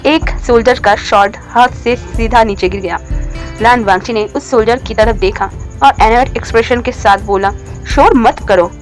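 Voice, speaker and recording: A woman's voice: steady tone, normal speed, faint music behind, low-quality recording. A woman reading a romance story aloud, narrating and voicing every character herself. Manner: reads every character herself, shifting pitch for dialogue.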